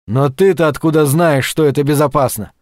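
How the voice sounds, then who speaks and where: A man reading an audiobook, voicing a fearful, stubborn young man who speaks in a low, tense voice. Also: fairly quick, no echo, studio quality, lightly acted.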